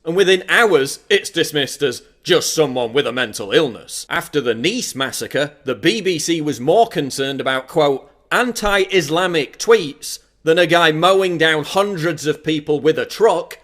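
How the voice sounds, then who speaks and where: A man's voice: on the high side, animated, unhurried, hardly any pauses, fairly bright tone. A man narrating a scripted video essay in a sarcastic, mocking tone.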